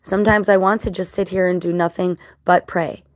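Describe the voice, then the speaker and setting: Her voice fairly low and scratchy, a woman vlogger talks earnestly and casually to her audience, pausing as she works through her thoughts, her mouth a bit dry after crying. The tone stays steady, and the audio is close and dry, without room sound.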